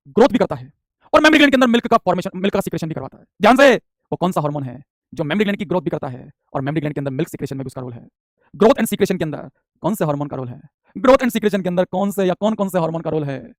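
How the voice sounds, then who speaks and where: Male biology tutor, very fast, energetic drill-style lecturing, dry close mic. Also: high voice, dry recording. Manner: energetic, repetitive drilling, calls students beta. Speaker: biology teacher. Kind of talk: live online exam-prep lecture.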